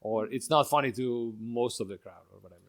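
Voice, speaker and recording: A man's voice: mid-range voice, a little fast. A man co-hosting a casual comedy podcast, laughing often and trailing off mid-sentence. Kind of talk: casual chat.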